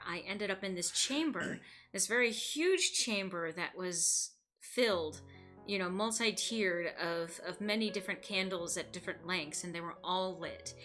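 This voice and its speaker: Bright-voiced woman streaming a game. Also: lowish voice. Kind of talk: live stream reading and chat.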